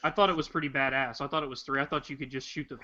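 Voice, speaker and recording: Loud, sharp-voiced man, forceful and bright. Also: mid-range voice, steady tone, racing. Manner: loud talker. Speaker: webcast panelist. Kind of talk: casual hobby chat about tabletop wargaming. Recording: dull, noisy webcast audio with clicks.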